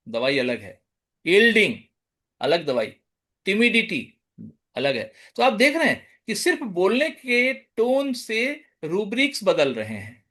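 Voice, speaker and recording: Male lecturer on a video call, high and animated, acts out patients. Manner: mixes English terms into explanation; lively, acts out patient speech. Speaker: homeopathy lecturer. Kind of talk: online lecture.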